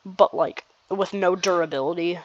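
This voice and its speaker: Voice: medium pitch, normal speed, dry recording, dull audio. A gamer giving casual gameplay commentary, rambling and restarting sentences with nervous laughs.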